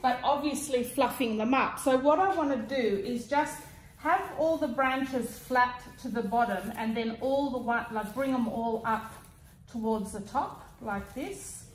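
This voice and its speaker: A woman with a high voice and an Australian accent chats casually through a hands-on craft demonstration. She has a slight lisp, as if speaking with a retainer in. There is noticeable background noise in the recording. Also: unhurried, poor audio. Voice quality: slight lisp from wearing clear retainer-style aligners. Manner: informal, chatty demonstrating while handling items. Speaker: DIY craft vlogger.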